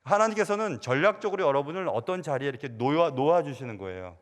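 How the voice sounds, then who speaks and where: A middle-aged man, a senior pastor, preaching a sermon and telling stories, his voice rising loud and then dropping quiet, with repeated words. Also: a little high, animated, quick pace. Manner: storytelling, swings from loud to hushed, repeats words. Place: church sanctuary. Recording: church sanctuary reverb.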